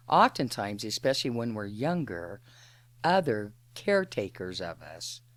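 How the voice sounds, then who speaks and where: Woman teaching real slow, lively pitch, dry close sound. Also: no room sound. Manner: slow, deliberate, with long pauses. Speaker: guided imagery presenter.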